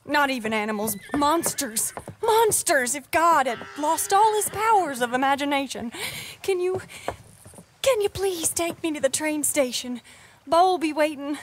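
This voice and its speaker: High-voiced, fretful young Southern gentlewoman. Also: lively intonation, unhurried, slight background noise. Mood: distraught, bitter, then anxious, hopeful. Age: young adult. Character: anxious, earnest young Southern gentlewoman desperate to escape. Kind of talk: dramatic video game acting. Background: loud music, horse hooves.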